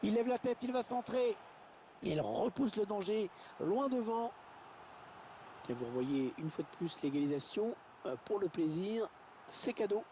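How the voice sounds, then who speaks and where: A keen male football commentator from a sports video game. His voice sits on the high side for a man, over faint background noise. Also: lively intonation, a little slow, long pauses, dark tone. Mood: excited.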